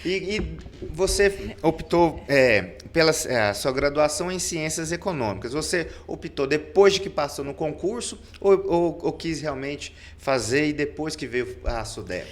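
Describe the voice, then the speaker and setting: A man's voice: fairly high pitch, expressive, unhurried, soft background music. Upbeat male podcast host. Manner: upbeat announcer-like delivery, reads sponsor list. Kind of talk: podcast interview.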